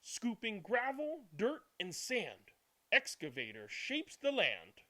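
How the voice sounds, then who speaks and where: Slow, animated man reading a bedtime story. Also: high voice. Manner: animated, deliberate reading with hushed good nights. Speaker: read-aloud channel host. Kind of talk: expressive children's bedtime storybook narration.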